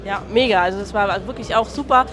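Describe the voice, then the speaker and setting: A woman's voice: medium pitch, fast talker. A young woman doing a casual on-site interview with a handheld microphone. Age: young adult. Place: indoor boxing hall, at a sponsor wall. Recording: music and crowd noise behind. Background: music and crowd.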